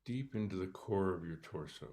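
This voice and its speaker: A man leading a guided meditation, speaking softly and calmly with long pauses between short instructions. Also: low voice. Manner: slow, calm, soft-spoken instructions with pauses. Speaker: meditation teacher.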